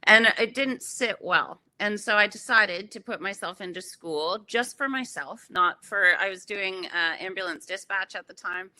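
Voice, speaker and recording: A woman's voice: mid-range voice, moderate pace, hardly any pauses, sharp tone, low-quality recording. A woman guest on a podcast, a health practitioner, telling her story fluently and earnestly with light laughs. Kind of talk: casual interview chat.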